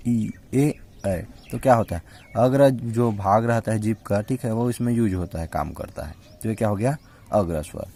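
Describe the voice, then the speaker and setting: Low-voiced male teacher, question-and-answer style. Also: dark tone. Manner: asks the class questions and answers them himself; repeats "ठीक है" as a constant check-in. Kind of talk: spoken Hindi grammar lesson.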